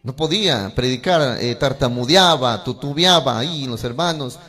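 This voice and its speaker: A man's voice: medium pitch, lively intonation, moderate pace, pushed and bright, faint music behind. A man, a pastor, telling his own story in a sermon and speaking earnestly to fellow pastors. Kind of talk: sermon testimony.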